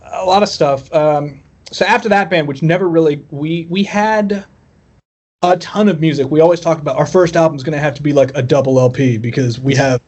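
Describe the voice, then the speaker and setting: A man appears as a musician guest on a podcast, chatting casually and telling personal stories with a wry, self-deprecating humor. His voice is fairly high and a little mellow, and he talks a bit fast.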